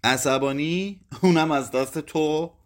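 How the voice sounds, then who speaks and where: A man voicing an angry, bitter drunk woman in an audiobook, raising his pitch to shout and sneer. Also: natural voice. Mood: furious.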